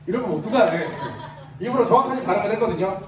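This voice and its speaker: High-voiced man preaching in an echoey hall. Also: expressive, fast. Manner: asks the crowd questions and leads them in reading aloud. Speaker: evangelist preaching to a youth group. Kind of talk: interactive sermon. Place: large hall at a youth summer retreat. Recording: very echoey hall, mic far off.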